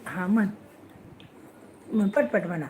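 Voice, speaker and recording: A woman's voice: medium pitch, measured pace, noisy background. A woman in a casual home video, coaxing and playfully scolding children as she teaches them, recorded on a phone indoors at home. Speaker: family member teaching children.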